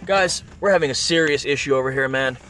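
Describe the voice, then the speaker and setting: A man's voice: mid-range voice, fast talker, bright, forceful tone, a little hiss or hum. A young man vlogging from inside his car at night, talking casually to viewers, cursing and grunting as he works. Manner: swears a lot, chatty, straining and grunting while working. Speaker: iguana catcher and vlogger. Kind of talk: casual vlog talk to camera.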